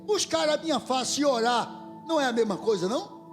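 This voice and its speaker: A Brazilian man preaches with fervor in a very high voice, his delivery rising to shouts and falling to near whispers. Faint music plays beneath him in the church. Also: animated, fairly quick. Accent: Brazilian Portuguese. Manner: fervent, swells to shouts and drops to near whispers. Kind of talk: sermon. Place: church hall. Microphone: handheld microphone.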